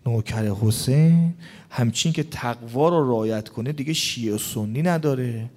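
A man's voice: mid-range voice, a little mellow. A man preaching a mourning sermon in an emotional, chanting, lamenting delivery.

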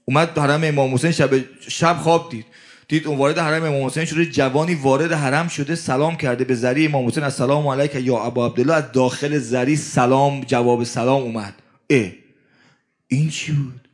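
A man preaching a religious sermon, telling stories and acting out their dialogue, swinging between loud cries and hushed murmurs. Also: mid-range voice, fairly even intonation. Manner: acts out dialogue in his stories.

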